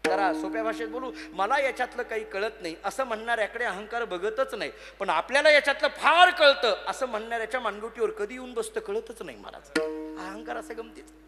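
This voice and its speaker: Male preacher, high bright voice, animated storytelling, rhetorical questions, long hall reverb. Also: brisk, soft background music. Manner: animated, rhetorical questions, sing-song quoting of verses. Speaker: kirtan preacher. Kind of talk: devotional sermon with storytelling. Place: large festival gathering.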